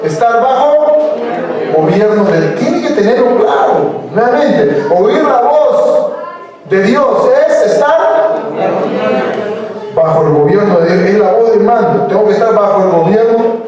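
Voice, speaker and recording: Preaching pastor, echoey church from afar. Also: male voice, high-pitched, expressive, a little slow, far from the mic, a crowd in the background. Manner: preaching with call-and-response prompts to the congregation; asks questions and repeats phrases for emphasis. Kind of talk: sermon. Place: church hall. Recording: roomy church sound, voice heard from off the mic.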